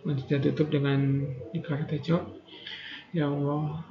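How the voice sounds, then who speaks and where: A man guiding an EFT tapping session, calmly repeating prayer affirmations and instructions in an echoey room. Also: on the high side, a little slow. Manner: calm, repetitive guiding voice, says prayer affirmations. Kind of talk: guided tapping practice with spoken prayers. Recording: echoey room, dull lo-fi sound, clear background noise.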